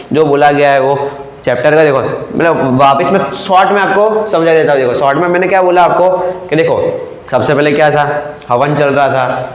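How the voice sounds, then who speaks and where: A young man with a Gujarati accent, teaching a class and often repeating himself with quick "क्या?" checks. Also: a little high, roomy sound, poor audio. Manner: repetitive, keeps asking the class "क्या?" then repeats the answer. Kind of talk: classroom lecture explaining a chapter.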